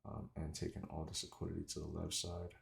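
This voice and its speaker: A man with a slight lisp from wearing retainers gives casual, halting commentary, thinking aloud informally as he analyzes. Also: very deep voice, monotone, gravelly. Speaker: trader doing market analysis. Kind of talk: casual screen-share commentary.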